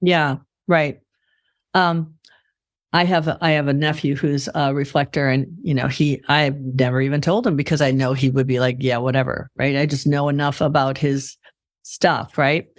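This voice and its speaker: Female host with a cold; rambling, restarts mid-sentence, fairly low voice, dry. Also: steady tone, moderate pace, no room sound. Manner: rambling, self-correcting. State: has a cold. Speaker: podcast host. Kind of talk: casual interview chat.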